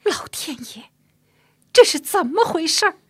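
A woman's voice: very high voice, very animated, unhurried, fairly bright tone, no echo, studio quality, pitched above the performer's own voice, exaggerated voice. A woman voicing a proud, bitter young woman outlaw who pleads her case plaintively.

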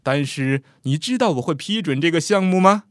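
A man voicing a measured, shrewd middle-aged male mayor in a told story. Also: fairly high pitch, lively intonation, dry recording, studio quality, natural voice.

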